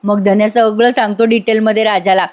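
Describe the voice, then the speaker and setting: A woman's voice: medium pitch, little pitch movement, brisk, darkish tone. A woman hosting a serial review, casually retelling an episode and acting out the characters' lines. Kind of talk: casual spoken episode recap.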